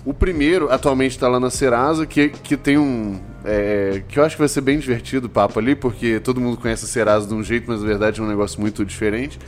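A male podcast host talks in a relaxed, chatty way at a middle pitch. He drags out words and restarts sentences. Faint music sits under his voice. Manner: chatty, drawn-out fillers and restarts. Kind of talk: casual podcast interview.

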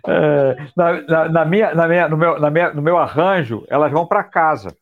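A man co-hosting a comedy chat, telling jokes in a halting way and repeating his words. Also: fairly high pitch, narrow, tinny audio. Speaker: comedy podcast co-host.

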